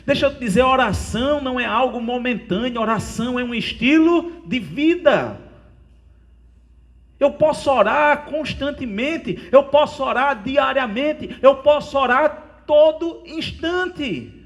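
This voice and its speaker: Brazilian male pastor, high-pitched, earnest sermon delivery that keeps addressing listeners as "dear". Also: expressive, measured pace. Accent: Brazilian Portuguese. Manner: earnest preaching, often calls listeners "querido".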